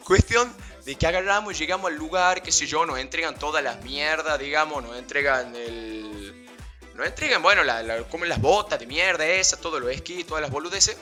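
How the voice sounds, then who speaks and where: A man's voice: fairly high pitch, animated, normal speed, bright, forceful tone, soft background music. A young man telling a casual, slangy anecdote to his viewers, rambling with fillers and breaking into laughs. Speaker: vlogger.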